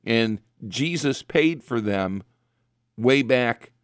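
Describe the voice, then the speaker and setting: A man's voice: medium pitch, animated, extremely slow, clear, resonant tone, no echo, studio quality. A man earnestly explaining theology on a talk show, repeating phrases for emphasis. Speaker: guest Bible teacher.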